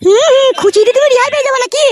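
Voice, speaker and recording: A woman voicing a sharp-tongued, scolding young wife in an adult comedy cartoon. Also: slight background noise. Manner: shrill scolding, rapid insults.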